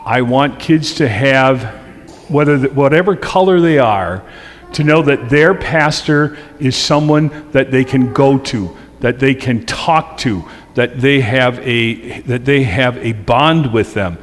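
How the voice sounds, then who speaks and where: A man's voice: medium pitch, takes it slowly, in a large hall. A middle-aged man, a pastor, telling humorous stories in a chatty, easygoing way during a church presentation. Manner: chatty and humorous, laughing at his own stories. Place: church sanctuary.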